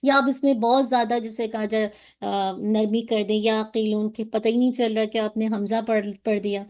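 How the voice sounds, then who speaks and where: A woman teaching Quran recitation on a video call, explaining each sound patiently and modelling words slowly. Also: fairly high pitch, steady tone. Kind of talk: online tajweed class.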